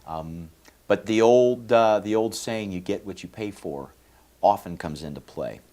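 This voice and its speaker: Deep male lawyer from Venezuela, folksy explainer. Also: a little slow, mellow. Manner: explanatory, folksy, with many fillers and restarts. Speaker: lawyer, guest. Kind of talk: interview answers. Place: TV studio.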